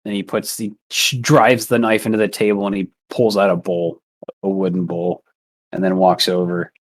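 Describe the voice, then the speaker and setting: A man's voice: low-pitched, level tone, normal speed. A man running a tabletop game as game master, narrating loosely and casually with some swearing.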